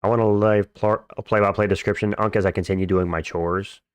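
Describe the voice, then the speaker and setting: A man with a fairly low voice hosts a casual livestream. He talks like a frat bro, dropping bro and dude as he reads chat and replies. The sound is dry, with very little room on it. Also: fairly even intonation, a little fast, smooth, no room sound. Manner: frat-bro talk, slangy, peppered with bro and dude. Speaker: livestream host. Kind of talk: casual livestream chat, reading out and answering viewer comments.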